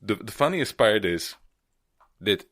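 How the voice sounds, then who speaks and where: A man co-hosting a podcast in casual chat, talkative, laughing often and chiming in with quick agreement. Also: fairly low pitch, very animated, fairly bright tone. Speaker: podcast co-host.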